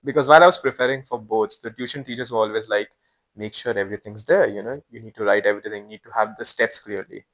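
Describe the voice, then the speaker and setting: A man in his early twenties with an Indian accent, a former exchange student, chats casually as a podcast guest in informal, slangy speech. His lowish voice moves at a quick pace and sounds a bit bright, though the audio is poor.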